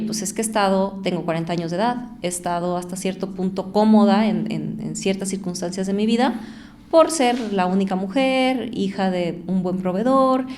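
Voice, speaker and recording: A woman, an entrepreneur and author, talking as a guest in an interview, reflective and growing more lively when she tells stories. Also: mid-range voice, slight background noise. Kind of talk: conversational interview.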